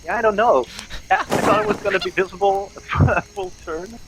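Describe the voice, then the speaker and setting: A man, a guest who is a game programmer, chatting casually while playing and giving short, relaxed replies. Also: high voice, normal speed. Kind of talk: casual gaming chat. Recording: noisy audio.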